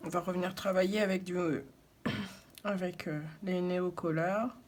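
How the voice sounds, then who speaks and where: A woman narrating her coloring tutorial casually, soft-spoken and absorbed in her work, often murmuring to herself. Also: fairly low pitch, steady tone, unhurried. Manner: absorbed, narrating each step as she works. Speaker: coloring video creator.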